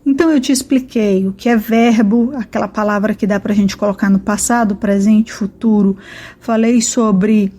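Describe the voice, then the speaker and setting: A woman's voice: mid-range voice, fairly even intonation, moderate pace, mellow. A woman giving a grammar lesson, explaining with homely kitchen comparisons and talking straight to the student. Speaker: teacher.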